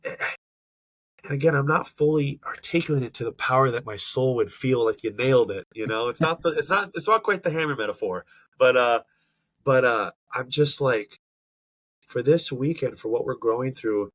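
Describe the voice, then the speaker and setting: Here a man co-hosting a podcast chats casually at a moderate pace, his medium-pitched voice animated and a bit bright on a dry recording. Allergies leave him stuffy-nosed, and he speaks with earnest emphasis while frequently searching for the right word.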